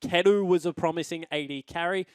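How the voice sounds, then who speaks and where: A man's voice: fairly high pitch, steady tone, fairly quick, clear, resonant tone, no echo. A man hosting an esports broadcast as a caster, mixing casual banter with conversational game analysis.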